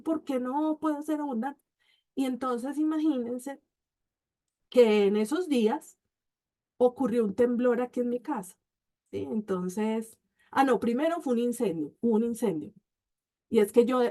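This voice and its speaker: A woman's voice: a little high, mellow. A middle-aged woman, a life coach telling a personal story to her online group in a casual, chatty way and often checking in with "¿sí?".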